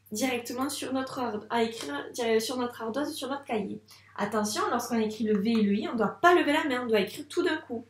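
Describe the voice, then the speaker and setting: A first-grade teacher leads young children through a handwriting lesson, speaking slowly, patiently and encouragingly straight to the child. Her voice is fairly high, and she stands a bit away from the mic in a roomy, echoey space, sounding distant.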